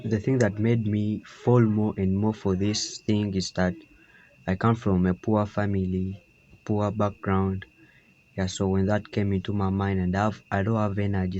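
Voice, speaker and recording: Rambling low-voiced man from Uganda. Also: darkish tone. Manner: rambling, repeats and restarts, many "yeah"s. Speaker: trading vlogger. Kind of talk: casual personal story. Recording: slightly dull lo-fi.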